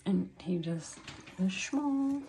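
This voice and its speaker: A woman's voice: medium pitch, lively intonation, very slow, warm tone, slight background noise. A woman rehabbing opossums, chatting offhandedly as she cleans and feeds them and talking to the animals, indoors at home. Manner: chatty and offhand, talks to the animals, casual swearing. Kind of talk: casual vlog chat while caring for animals.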